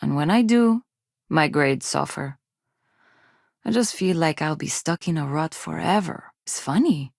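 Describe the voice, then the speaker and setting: For video game dialogue, an actress plays a young adult undergraduate from an impoverished space colony who is shy, self-doubting, hesitant and awkward, and here resigned and wistful. Her deep, gravelly, slightly mellow female voice is animated and measured in pace, heavily acted, in a dry studio-quality recording.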